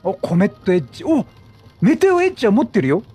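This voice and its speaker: A gaming YouTuber with a higher, husky-edged voice chats fast through a let's play, animated and talkative, exclaiming and talking back to the game over its music.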